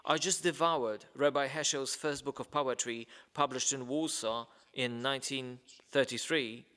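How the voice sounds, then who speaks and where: In a large hall with long reverb, a man reads out a letter at a ceremony. The formal speech comes out hesitant, peppered with fillers and name stumbles, in a mid-range voice that is steady, unhurried, pushed, bright and smooth.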